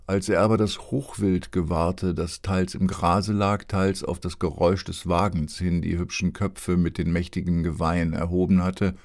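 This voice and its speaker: A man narrating an audiobook in a calm, even storytelling manner. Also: deep voice, moderate pace, few pauses.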